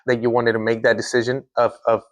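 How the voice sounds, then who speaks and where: A man's voice: mid-range voice, completely flat delivery, quick pace, dull audio. Man interviewer who rephrases his questions. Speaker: interviewer for the driving school.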